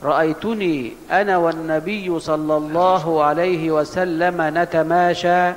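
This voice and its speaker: قارئ عالي الصوت يقرأ الحديث بالفصحى. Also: male voice, on the high side, fairly even intonation, slight background noise. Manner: measured, formal reading of chains of narrators. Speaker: student reading hadith aloud. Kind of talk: formal classical recitation. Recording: long hall reverb.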